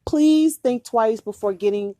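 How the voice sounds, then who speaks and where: A woman's voice: on the high side, measured pace, warm tone, no echo, clean studio sound. A woman vlogger giving dating advice to her viewers, earnest and urgent, repeating her warnings. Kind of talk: earnest direct-to-camera talk.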